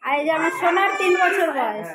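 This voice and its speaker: A woman's voice: extremely high pitch, lively intonation, fast, over a noisy crowd. A woman talks casually from behind a phone camera. She coaxes and repeats her simple instructions as she films. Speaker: person filming an elderly relative. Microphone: behind a handheld phone.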